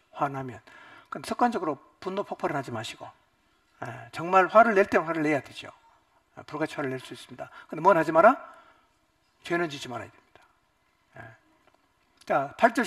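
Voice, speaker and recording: A male pastor preaches at a church retreat in a high, very lively voice. He swings from loud, animated outbursts to quiet asides. The sound is dry, with him a little away from the microphone. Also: a little fast, long pauses, breathy edge, no room sound, recorded from a distance. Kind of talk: retreat Bible lecture.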